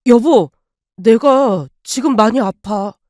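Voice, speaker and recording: A woman voicing a sick, shameless middle-aged father who pleads in a low, slow, whining voice. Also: lively intonation, dry recording, studio quality, lightly acted. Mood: pleading.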